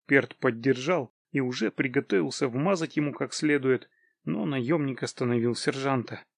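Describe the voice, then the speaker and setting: A man narrating a first-person fantasy audiobook in a steady, measured way. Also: medium pitch, vocal fry, no echo, clean studio sound.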